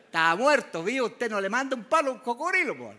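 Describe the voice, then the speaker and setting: A Chilean man with a strikingly high voice gives a folksy missionary testimony to his congregation. He talks like a storyteller among friends, calling everyone "brother", and now and then his voice rises into loud, fervent exclamation. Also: very animated, quick pace. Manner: folksy, keeps calling listeners "hermano". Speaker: missionary preacher.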